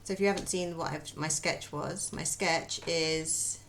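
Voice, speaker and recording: A woman's voice: sits low, steady tone, a little slow, creaky, fairly bright tone, slight background noise. A woman streaming as she draws, chatting casually, muttering to herself and answering her chat.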